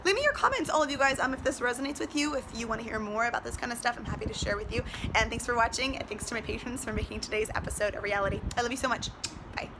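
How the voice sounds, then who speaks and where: A woman with a fairly high voice speaks quickly and earnestly to her viewers, vlogging outdoors on a boat. She leans on emphatic points and rhetorical questions like a motivational coach. Clear ambient noise sits behind her selfie recording. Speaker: vlogger giving relationship advice. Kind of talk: direct-to-viewer motivational vlog talk. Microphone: handheld selfie camera at arm's length.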